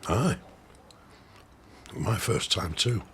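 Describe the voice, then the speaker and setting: An actor playing a bantering working-class husband in a TV soap. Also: male voice, sits low, animated, very slow, fairly bright tone, slight background noise, full character voice. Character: cocky working-class northern husband, reminiscing. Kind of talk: soap opera acting.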